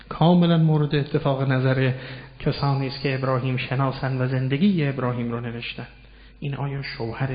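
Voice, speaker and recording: Man lecturing in an echoey hall. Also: mid-range voice. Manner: explains step by step, quotes Arabic verses slowly. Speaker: religious lecturer. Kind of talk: Quranic commentary lecture. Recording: roomy hall echo, dull lo-fi sound.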